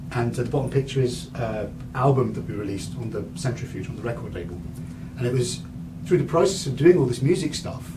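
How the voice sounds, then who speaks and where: A guest lecturer from England, a man in his thirties, rambles through a university lecture at mid pitch, full of fillers and restarts. He's heard from far off in a university lecture room, with a distant mic picking up noticeable room noise.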